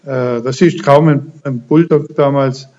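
A man preaching a sermon and praying aloud, halting, with many fillers and restarts, then rising to fervent emphasis, on a dull lo-fi recording. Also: mid-range voice, steady tone, a little mellow.

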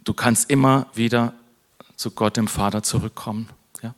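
A middle-aged male pastor giving a conversational sermon, tagging nearly every phrase with a quick question and slipping in self-mocking jokes. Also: medium pitch, fairly even intonation. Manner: conversational, tag questions "ne?" after most phrases, self-deprecating humor. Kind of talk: casual sermon.

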